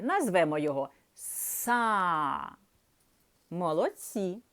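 A woman teaching young children their letters, taking her time over every word. Her pitch rises and falls in wide, playful swings. She stretches out each sound clearly for the class to repeat. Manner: slow, sing-song, drawn-out sounds for children. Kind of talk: primary school literacy lesson.

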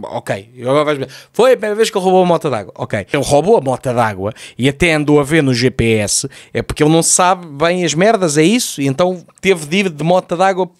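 A man rattles through a comedic TV recap in a high, quick voice. He is sarcastic and swears freely. The recording is dry and close. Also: lively intonation, no echo. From Lisbon, Portugal. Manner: sarcastic, profane, exasperated.

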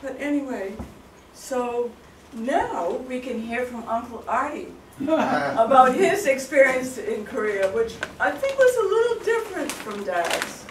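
A woman presenter tells a personal story in a chatty, heartfelt way. She stands away from the mic, and the hall rings with echo. Steady noise sits underneath her voice. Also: on the high side, a little slow, far from the mic. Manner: chatty storyteller, easily moved.

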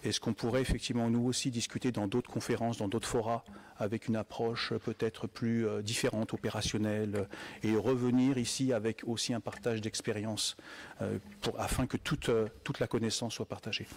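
A man's voice: lowish voice, level tone, moderate pace, darkish tone. A man speaking as a conference panelist, offering remarks with frequent fillers and hesitations.

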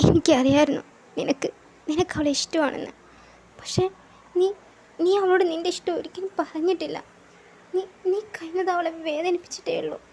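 A woman voicing a calm, sly young man friend who talks in a measured, soothing way in a fan audio drama. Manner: measured, soothing, low and steady.

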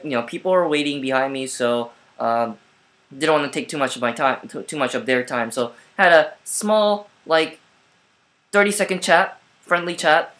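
Man, casual vlogger, bright tone, rambly with fillers, laptop webcam at home. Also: a little high. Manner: rambling, lots of fillers and restarts. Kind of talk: casual vlog storytelling.

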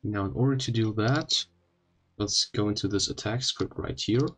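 A man hosting an informal coding tutorial in halting phrases, his speech a little odd and impeded after having his wisdom teeth out. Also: fairly low pitch, a bit bright. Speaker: tutorial host.

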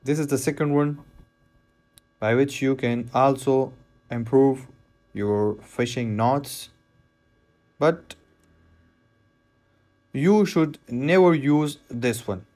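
Slow-talking man explaining knot tying. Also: medium pitch, a little mellow. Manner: plain, repetitive step-by-step instructions with non-native phrasing. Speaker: fishing knot instructor. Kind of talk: hands-on tutorial voice-over.

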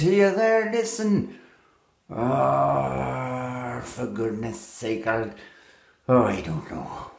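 A man's voice: mid-range voice, gravelly, reverberant, heavily acted. A man voicing an old ghost who calls for his wife in a plaintive, exasperated way. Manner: plaintive, exasperated, sings folk ballad.

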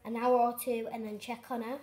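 A woman vlogging at home, chatting excitedly to camera in a rambling way with many fillers. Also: on the high side, a little fast. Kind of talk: casual chat to camera. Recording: echoey room with faint noise.

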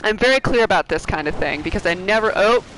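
A woman streaming a video game, chatting casually with her viewers and a co-op partner, bubbly and quick to laugh and joke. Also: mid-range voice, expressive, fairly bright tone, slight background noise, poor audio. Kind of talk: casual live-stream chat.

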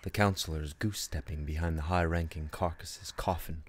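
Man acting a low, brooding, unhinged Hamlet. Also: steady tone, normal speed, husky, no room sound. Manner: brooding, dramatic, sardonic, slipping into whispers and outbursts. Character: bitter, brooding, unhinged Hamlet, a tormented young prince. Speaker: performer in a student radio play. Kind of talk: theatrical radio-play monologue. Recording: noisy amateur recording with ambient effects.

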